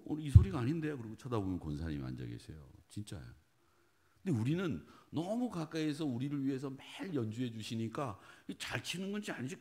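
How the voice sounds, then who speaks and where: A man preaching a sermon as pastor, animated and talking straight to his congregation, dropping at times to hushed asides. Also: deep voice. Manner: animated, swings from loud exhortation to hushed whispered asides; talks directly to the congregation with questions. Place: church sanctuary.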